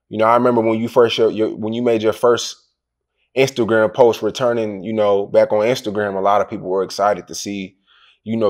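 A man's voice: on the low side, a little mellow. A man interviewing a rapper in a casual, rambling way, full of fillers and restarts.

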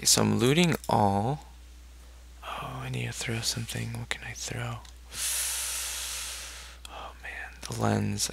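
A man's voice: mid-range voice, vocal fry. A man casually commenting on his own gameplay, thinking aloud and cheering on his character. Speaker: let's play gamer. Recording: noisy home recording with keyboard clicks. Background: loud keyboard clicks and typing.

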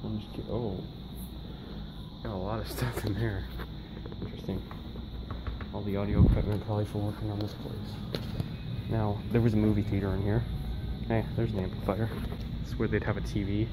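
A man's voice: fairly low pitch, flat delivery, moderate pace, long pauses. A man talking casually as he walks through a big, empty store, rambling and easily amazed, with lots of fillers. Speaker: vlogger. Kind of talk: casual walkthrough narration. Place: large empty store, indoors. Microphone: handheld phone. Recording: phone recording with loud background noise.

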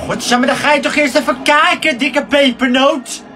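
Man acting as a rude insulting woman worker, very high voice, music behind, distant mic. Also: fairly even intonation, moderate pace. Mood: scornful. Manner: insulting, snappish, scornful. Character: rude foul-mouthed female service worker. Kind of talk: sketch comedy acting.

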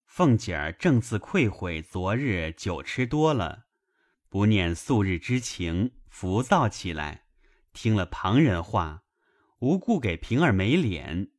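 A man narrating a classic novel aloud in a measured, expressive storytelling manner. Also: on the low side, dry recording, studio quality.

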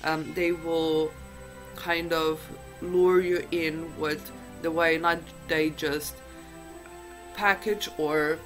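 Woman vlogger just out of bed, groggy morning voice, slow chatty talk, soft music behind. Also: sits low, flat delivery, poor audio. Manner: chatty, unhurried, self-deprecating. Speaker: beauty vlogger. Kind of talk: casual chat to camera.

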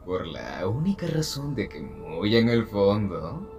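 A man's voice: lowish voice, sing-song, takes it slowly, darkish tone, faint music behind, heavily acted. A man in a fan dub playing a deranged, mocking inmate villain, theatrical and taunting, swinging from murmurs to cackles. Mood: menacing, sinister. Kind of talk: Spanish fan dub film acting.

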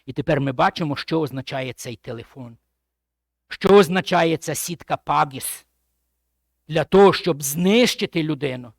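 A man preaching a sermon as pastor, speaking with emphasis and often dropping to a hushed, low voice at the end of a phrase. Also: normal speed, creaky, no room sound, studio quality. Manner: repeats and restates phrases while explaining.

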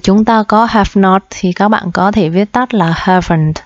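A woman teaching English grammar in a slow, patient lesson, repeating points and speaking straight to her viewers. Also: medium pitch, dry recording. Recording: dull lo-fi dry sound.

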